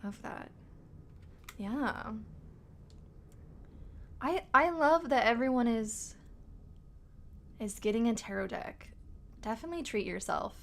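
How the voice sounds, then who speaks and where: A young woman hosting a casual livestream, chatting in a rambling way and laughing often, her voice a little tired and rough. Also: a little high, lively intonation, slow pace, pauses often, fairly bright tone, slight background noise. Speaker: livestream host and tarot reader.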